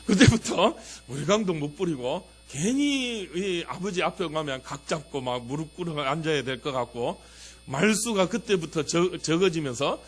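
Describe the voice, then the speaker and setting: Man, pastor, sermon, animated lively delivery, husky tone. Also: fairly high pitch. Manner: lively preaching, acting out childlike pleas and God's warm replies.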